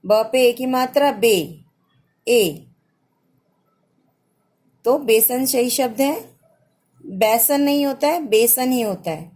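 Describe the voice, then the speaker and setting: A woman teacher giving a patient, slow children's phonics lesson, repeating each word for young pupils. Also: a little high, animated, a little mellow.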